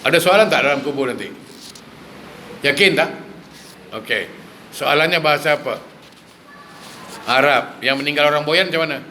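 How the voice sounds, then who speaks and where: Preacher guy, kinda high bright voice, keeps throwing questions at the crowd. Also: moderate pace, pauses often, a little hiss or hum. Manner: lively, fires rhetorical questions at the audience. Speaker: religious preacher. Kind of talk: sermon with humorous asides.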